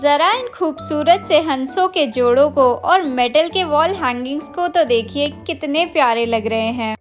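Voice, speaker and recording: A woman's voice: high-pitched, a little slow, faint music behind. A woman narrating a travel vlog, talking straight to her viewers with plenty of enthusiasm. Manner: enthusiastic, addresses viewers directly. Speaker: travel vlogger.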